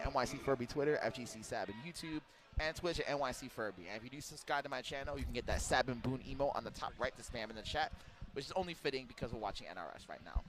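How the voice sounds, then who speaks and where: A man rattling off sponsor shout-outs and event dates as a stream announcer, in a brisk, list-like way. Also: medium pitch.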